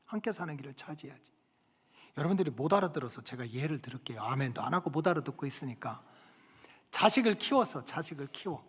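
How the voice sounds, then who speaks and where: A male pastor preaching a Sunday sermon, acting out scolding parents and squabbling children, swinging between loud emphasis and near-whispered asides. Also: fairly high pitch, breathy edge. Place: church sanctuary. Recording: long hall reverb from the church.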